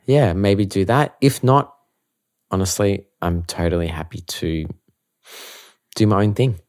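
A man's voice: low voice, measured pace, darkish tone. A man with an Australian accent, chatting casually and informally as an interview guest. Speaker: musician being interviewed. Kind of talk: casual chat.

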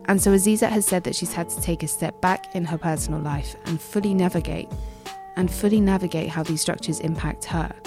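Low-voiced woman host over music. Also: a little fast. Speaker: podcast host. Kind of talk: scripted narration and interview questions. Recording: voice over a clear music bed.

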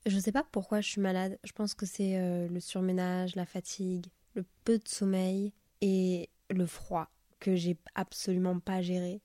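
A woman's voice: lowish voice, flat delivery, measured pace, hardly any pauses, mellow, no room sound, studio quality. A young woman podcasting casually and confidingly, with a nasal voice stuffed up by illness. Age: young adult. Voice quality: nasal, congested voice. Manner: confiding, informal, sprinkles in English slang. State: sick with a stuffy nose. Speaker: podcast host. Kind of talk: casual solo podcast chat.

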